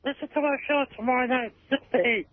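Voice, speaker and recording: Mumbling very high-voiced male caller on phone. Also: fast. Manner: mumbling, mouth full, hard to understand. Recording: tinny phone line on radio.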